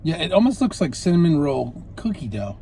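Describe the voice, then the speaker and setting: A man's voice: a little high, big pitch swings, a little fast, warm tone, a little hiss or hum. A man hosting a casual food review, chatting while he eats. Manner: chatty, talks with mouth full.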